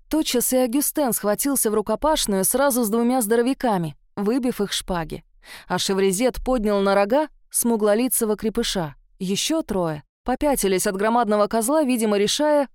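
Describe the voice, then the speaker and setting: A woman narrating a first-person fantasy audiobook with a lively, expressive reading. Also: mid-range voice, no room sound, clean studio sound.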